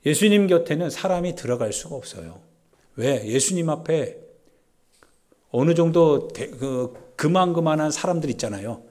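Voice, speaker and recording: Animated man preaching a sermon. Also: on the high side, moderate pace. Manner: conversational, swings from loud pleading to hushed asides. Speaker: pastor. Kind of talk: Sunday sermon. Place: church service.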